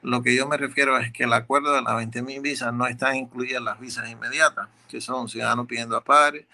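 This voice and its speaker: An immigration lawyer with a medium-pitched, creaky, sharp voice answers legal questions methodically and explains carefully. He often repeats words while searching for the next one.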